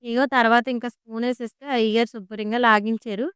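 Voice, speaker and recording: Woman doing a chatty vlog voice-over, super clear, dry close mic. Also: on the high side, flat delivery, quick pace, a bit bright, dry recording. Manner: chatty, amused storytelling. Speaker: vlogger.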